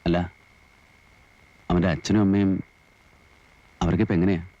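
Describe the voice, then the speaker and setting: An actor playing a withdrawn, gentle man who speaks quietly, in a film scene. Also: low-pitched, flat delivery, a little slow, highs cut off. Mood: subdued. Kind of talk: 1980s film acting.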